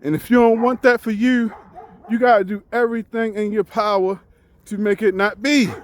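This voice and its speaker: High-voiced man in his forties, candid. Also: fairly even intonation, moderate pace. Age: 40s. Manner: candid, reflective, talks it through with restarts; talks while out on a walk. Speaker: truck driver. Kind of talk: casual vlog monologue.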